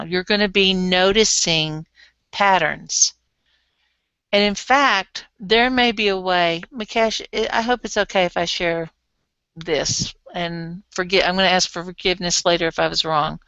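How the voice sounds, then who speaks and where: A woman coaching a client in a lively, frank way, laughing easily as she talks. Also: medium pitch, smooth, dry recording, lo-fi sound. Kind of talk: coaching session.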